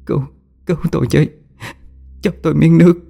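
A man's voice: fairly high pitch, fairly even intonation, fast, creaky, warm tone, soft background music, pitched above the performer's own voice. A man voicing a frightened young female servant who begs and stammers in a storytelling reading. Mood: faint weak. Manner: tearful begging, stammering.

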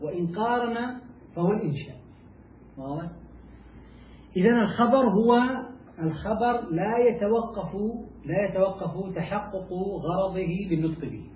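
Man lecturing a class, high voice, fast delivery, mellow tone, echoey room, mic at a distance, faint hiss. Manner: repeats phrases and checks understanding with "clear?". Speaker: teacher of Islamic logic. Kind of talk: classroom lecture explaining a text.

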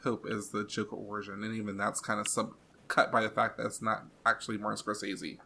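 A man's voice: fairly low pitch, level tone, fast talker, gravelly, bright, forceful tone, slight background noise. A man co-hosting a podcast in casual chat, rambling with lots of restarts and filler. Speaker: podcast co-host.

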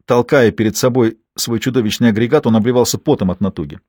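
Male narrator, audiobook, steady reading, mid pitch, dry close recording. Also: fast, no echo. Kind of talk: scripted narration.

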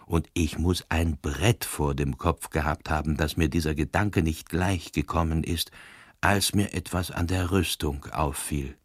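A man reading the lines of a calm, sharp-minded old priest detective in a grave, slow voice that drops to a hushed whisper. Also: rumbling low, husky, no echo, studio quality, full character voice. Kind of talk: scripted narration.

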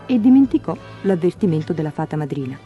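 A woman narrating a fairy tale aloud in a gentle, expressive storybook manner. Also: sits low, fast, phone-quality sound, soft background music.

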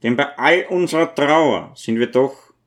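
A man voicing a gentle old priest who speaks in a mild, coaxing, earnest way. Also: medium pitch, unhurried, voice pushed up, lightly acted. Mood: reasoning. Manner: soothing, earnest, coaxing questions.

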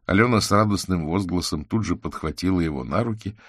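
A man's voice: low voice, fast talker, no echo, clean studio sound. A man narrating a story aloud in a reading style, doing all the characters' voices himself. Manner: reads every character himself, shifting voice for each. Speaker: audiobook narrator. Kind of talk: scripted narration.

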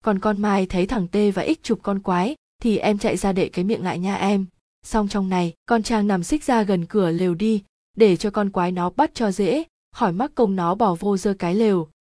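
A woman's voice: mid-range voice, a little fast, warm tone, dry recording, studio quality. A woman reading a first-person horror story aloud in a casual, slangy way, addressing her listeners directly.

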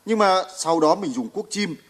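A man's voice: high voice, lively intonation, normal speed. An actor playing a resourceful, modest militiaman explaining his method in a radio drama. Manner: explaining plainly, easygoing.

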